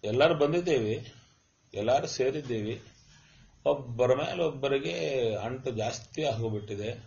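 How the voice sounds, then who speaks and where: A man's voice: mid-range voice, a little slow, vocal fry, darkish tone. A middle-aged man giving a spiritual discourse, chanting verses and asking and answering his own questions as he tells a story. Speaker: religious discourse speaker. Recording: dull lo-fi recording.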